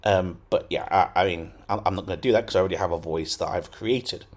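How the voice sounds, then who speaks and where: Low, quick and a little mellow, a man's voice guides a relaxed screen-recorded computer tutorial. As host, he's chatty, leaning on fillers and repeatedly checking in with "okay?".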